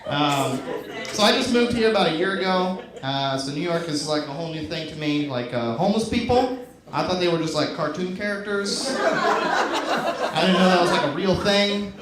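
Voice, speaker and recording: A man in his twenties performing a stand-up set in a comedy club, with a deadpan, self-mocking delivery that breaks into shouted bursts. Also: high-pitched, normal speed. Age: 20s. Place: comedy club with a laughing audience. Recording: echoey club with crowd laughter.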